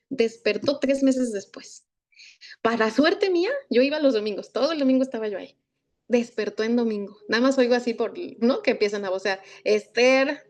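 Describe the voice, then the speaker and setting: A woman's voice: on the high side, a little mellow. A Mexican woman giving a masterclass as a thanatologist, telling stories and acting out the dialogue. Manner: acts out dialogue, tag questions. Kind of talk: storytelling lecture.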